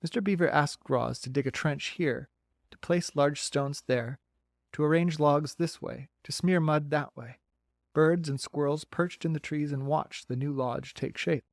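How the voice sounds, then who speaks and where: A man narrating a children's novel as an audiobook in a steady, clear storytelling voice, recorded close to the mic. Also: on the high side, unhurried, dry recording. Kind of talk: reading a children's novel aloud.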